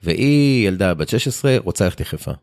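A man's voice: low-pitched, animated, darkish tone. A man in his forties hosting a podcast, chatting casually and telling personal stories in colloquial speech. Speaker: podcast host. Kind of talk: casual chat.

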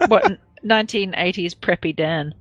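A woman's voice: lowish voice, moderate pace, dull audio, soft background music. Teasing woman at a game table. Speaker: player.

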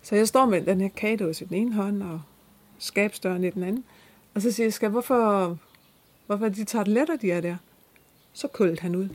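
A woman's voice: mid-range voice, a little mellow. A woman recounting personal experiences in a hesitant way, with many restarts. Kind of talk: personal storytelling.

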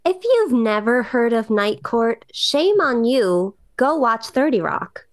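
A woman's voice: fairly high pitch, very animated, slow, dry recording, studio quality. A woman co-hosting a TV podcast with wry humor while recovering from a cold, recording remotely. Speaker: podcast co-host. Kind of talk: casual podcast chat.

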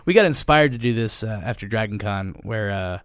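Chatty, animated male podcast host. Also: on the low side, moderate pace, clear, resonant tone, no echo. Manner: laughing, self-deprecating, swears freely. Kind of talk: casual chat.

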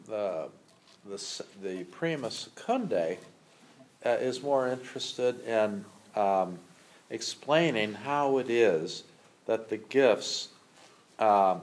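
Man lecturing, asking "you see?". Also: mid-range voice. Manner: thinks aloud with fillers, often checks understanding. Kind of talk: classroom theology lecture.

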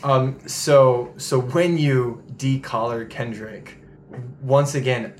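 A man's voice: medium pitch, steady tone, takes it slowly, slight background noise. Man running a tabletop game. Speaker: game master. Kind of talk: casual tabletop game narration.

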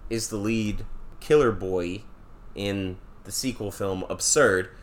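A man's voice: on the low side, slow. Casual swearing man on a podcast. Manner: loose and profane, swears casually. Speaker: podcast co-host. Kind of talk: casual chat.

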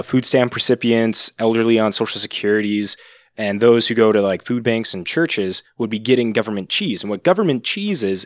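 A man's voice: lowish voice, no echo, studio quality. A man co-hosting a podcast who makes cheese puns and explains the topic in casual banter. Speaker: podcast co-host.

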